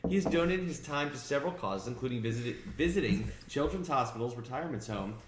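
A man's voice: medium pitch, animated, quick pace. Teasing man in an echoey room. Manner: teasing, dry jabs. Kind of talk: casual sports chat. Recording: echoey room with clear background noise.

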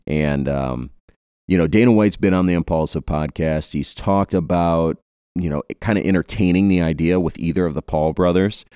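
Very deep-voiced young man chatting. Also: moderate pace, dark tone, clear, resonant tone, no echo. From Ohio, US. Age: 20s. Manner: rambling, joking, many fillers. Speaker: podcast host. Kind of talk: casual podcast chat.

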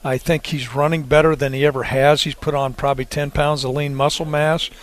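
A man's voice: fairly high pitch, flat delivery, a little fast. A male college football coach, assessing a player in an interview. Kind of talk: interview answer.

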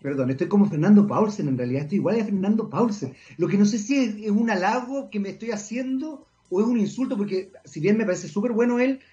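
A man's voice: high-pitched, quick pace, few pauses, mellow, lo-fi sound. A Chilean man hosting a casual radio interview, chatty and self-mocking, talking at length. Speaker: radio host.

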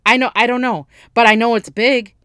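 A woman's voice: on the high side, fairly even intonation, normal speed, pushed and bright, clean tone, no room sound, studio quality. A woman preaching a sermon with passion, repeating phrases and restarting her sentences.

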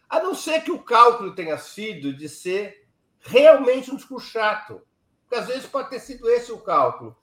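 An older man talks politics with a fairly high voice and lively delivery, now and then dropping into an anecdote or a mock quotation. The sound bounces around an echoey room. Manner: animated, with anecdotes and rhetorical asides. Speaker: political commentator. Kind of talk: casual political commentary.

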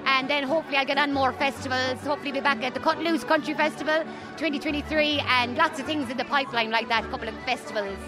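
A woman's voice: sits high, fairly even intonation, fast, few pauses, poor audio. An Irish woman, a singer, chatting effusively and thankfully in a casual interview. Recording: live event with crowd and music. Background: crowd and music.

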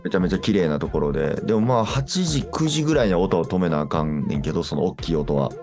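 A man's voice: low voice, lively intonation, quick pace, a little mellow, soft background music. A man with a Kansai accent, a reggae DJ, casually telling a story on a radio talk show, often trailing off mid-sentence. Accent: Kansai Japanese.

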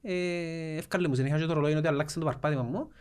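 A man's voice: fairly high pitch, clear, resonant tone. A man with a Cypriot Greek accent, chatting casually and telling stories full of fillers. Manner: animated storyteller with many fillers. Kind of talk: casual chat, storytelling.

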